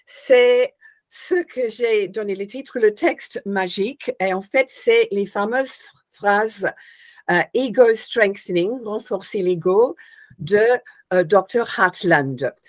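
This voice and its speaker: A woman's voice: medium pitch, takes it slowly. An older woman from Australia speaks as an interview guest, laying out her teaching plans step by step. She talks thoughtfully, often stopping to find the right word before going on. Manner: thoughtful, searching for words, explains step by step. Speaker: guest hypnosis instructor. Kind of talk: explanatory interview answers.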